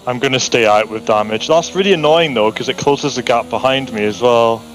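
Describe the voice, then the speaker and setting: A man streaming a sim race, calmly talking through pit strategy in casual chat. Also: mid-range voice, slight background noise, rough recording. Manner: calm, measured, thinks strategy aloud. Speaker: streamer racing online.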